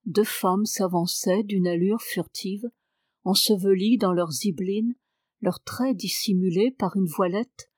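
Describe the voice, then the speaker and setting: A woman reading a novel aloud in measured, steady narration. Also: mid-range voice, no room sound. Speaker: audiobook reader.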